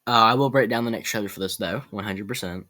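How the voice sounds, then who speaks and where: Excitedly chatting about movies that are coming out, this male vlogger rambles and keeps correcting himself in a casual manner. He has a lowish voice and talks at a quick pace.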